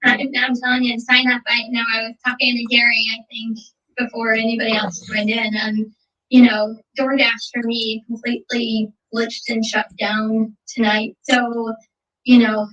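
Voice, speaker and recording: A woman's voice: on the high side, level tone, normal speed, fairly bright tone. A woman giving casual, emphatic advice in a group talk, repeating her points. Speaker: gig delivery driver. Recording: distant, dull lo-fi call audio.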